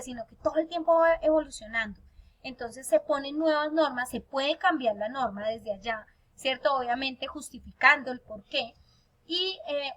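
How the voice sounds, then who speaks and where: A woman teacher giving a recorded online lesson to her pupils, explaining step by step and checking in with her listeners. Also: sits high.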